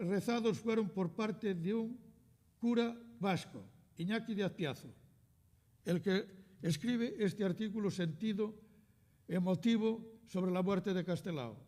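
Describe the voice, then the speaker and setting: An older man from Galicia with a Galician Spanish accent, giving a lecture as a historian and reading out cartoon captions in lively voices. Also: high-pitched. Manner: reads captions aloud with lively quoted voices, translating as he goes. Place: lecture hall. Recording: reverberant lecture hall.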